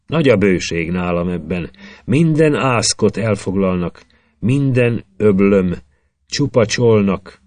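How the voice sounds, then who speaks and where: A man's voice: on the low side, a little mellow, no room sound, lightly acted. A man voicing a proud old male sage who dismisses offers in rhythmic verse.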